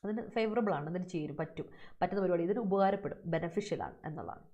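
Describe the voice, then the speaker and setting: A woman teaching English vocabulary in a live online exam-prep class. She explains each word in Malayalam and reads student answers aloud slowly. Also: fairly low pitch, warm tone, muffled recording.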